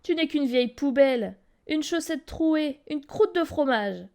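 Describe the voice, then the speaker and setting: A woman's voice: high voice, expressive, a little slow, a little mellow, pitched above the performer's own voice. A woman doing a bratty, grumbling little girl. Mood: taunting. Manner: grumbling, taunting. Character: bratty rude little girl, grumpy and mocking.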